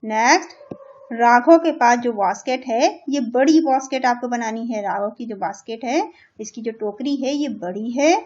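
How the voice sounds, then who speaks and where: A high-voiced Indian woman teaches young children English, going slowly over each sentence and translating it. She keeps checking in with the class in a patient, steady way. The recording sounds dull and lo-fi. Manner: patient, repeats and translates each line, checks with "theek hai". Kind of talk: explaining a children's English lesson in Hindi.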